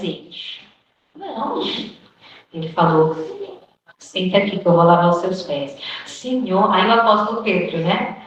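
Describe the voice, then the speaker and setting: Brazilian woman preaching in an echoey hall. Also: fairly high pitch. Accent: Brazilian Portuguese. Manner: conversational, acts out quoted dialogue, frequent "né?" tag questions. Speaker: women's ministry teacher. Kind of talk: informal sermon to a women's group. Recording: echoey room, distant mic, dull lo-fi sound.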